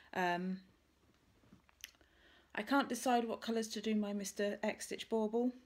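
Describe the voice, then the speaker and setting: A woman vlogger chatting casually about her crafts, rambling and correcting herself as she thinks aloud. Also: mid-range voice. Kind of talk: casual chat to camera about stitching.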